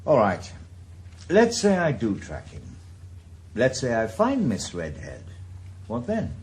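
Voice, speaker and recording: Playing a jaded former cop now working as a private eye, the actor delivers first-person narration for a 1980s radio drama in a dry, sardonic Welsh voice, as a middle-aged, world-weary man. The voice sits mid-range with a darkish tone, its pitch swooping wildly as he speaks slowly.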